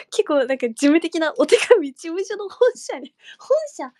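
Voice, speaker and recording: A young woman chatting casually with fans on a livestream, giggling and dropping into soft murmurs and whispers. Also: very high-pitched. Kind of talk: casual chat.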